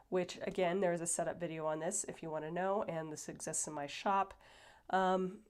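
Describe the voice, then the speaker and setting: A woman hosting a casual planner flip-through, chatty and rambling with many fillers, sounding a little stuffy and breathy. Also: on the low side, darkish tone. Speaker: planner channel host.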